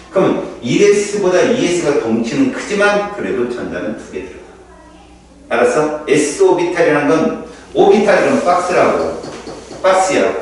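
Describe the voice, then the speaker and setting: A man tutoring a student in chemistry in an informal one-on-one session, explaining lively with rhetorical questions. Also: mid-range voice. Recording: echoey room, heard from a distance.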